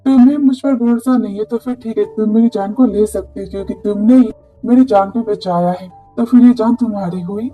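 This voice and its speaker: A woman reading the lines of a male mafia boss who pleads and shouts in a retold drama. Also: medium pitch, fairly quick, phone-quality sound, soft background music, lightly acted. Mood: pleading. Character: hot-tempered male mafia boss in love.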